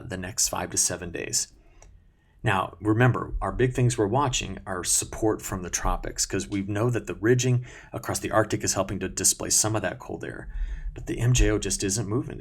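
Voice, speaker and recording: A forecaster gives an unscripted weather briefing, walking viewers through maps in a conversational style and correcting himself as he goes. His voice is low-pitched with vocal fry, picked up by a new, sensitive close mic at a desk.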